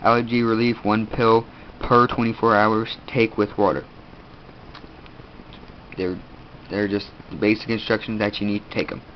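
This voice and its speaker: In this laid-back gear show-and-tell, a stuffy-nosed teenage boy acting as video host speaks at a fairly low pitch with little rise or fall. His delivery wanders and stalls, full of filler words, over dull lo-fi sound and a faint hum of the room.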